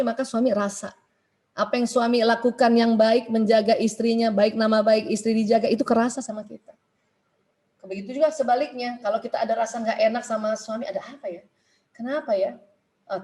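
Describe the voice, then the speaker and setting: A woman giving a casual religious study talk to married women, chatty and animated with laughing asides. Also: fairly high pitch, rough recording.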